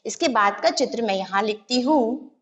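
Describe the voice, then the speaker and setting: A woman's voice: a little high, normal speed. A woman teaching a Hindi lesson to young children, patiently sounding out syllables one by one. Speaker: primary school Hindi teacher. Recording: dull lo-fi recording with long hall reverb.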